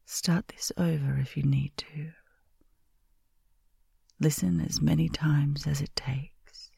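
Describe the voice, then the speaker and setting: A woman whispers close to the microphone in a soft, gravelly hush, unhurried and gentle. Her low voice stays dark and breathy as she coaxes the listener to rest. The sound is dry and intimate. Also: level tone, no room sound. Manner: soft, slow, soothing whisper. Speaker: comforting caretaker in a roleplay. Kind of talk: whispered ASMR sleep roleplay.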